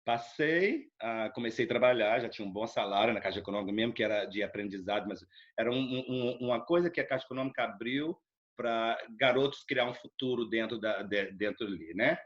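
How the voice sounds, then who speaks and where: The recording is muffled as a middle-aged Brazilian guest with a Brazilian Portuguese accent briskly tells the story of his life in an interview. His mid-range voice stays casual, relaxed and rambling, with frequent tag questions.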